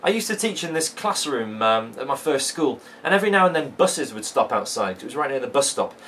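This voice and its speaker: A man's voice: mid-range voice, very animated, fairly quick, fairly bright tone, a little hiss or hum. A man teaching a poetry lesson from home, chatty and enthusiastic, with plenty of fillers and restarts. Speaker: English teacher. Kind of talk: casual video lesson. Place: living room at home.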